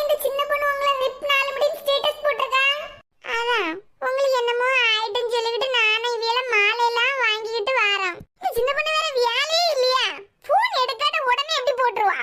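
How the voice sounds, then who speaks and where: A woman voicing a gossipy, fussing middle-aged village woman in a cartoon, with a Kanyakumari Tamil accent and a dramatic, scolding manner. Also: extremely high pitch. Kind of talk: cartoon web series voice acting. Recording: loud background noise.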